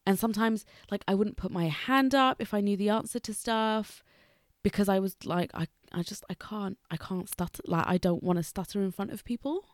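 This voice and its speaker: Halting, hesitant young woman. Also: mid-range voice, dry recording, clean studio sound. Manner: halting, with long pauses between sentences and blocked words; hesitant, with many restarts and fillers. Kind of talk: casual conversation.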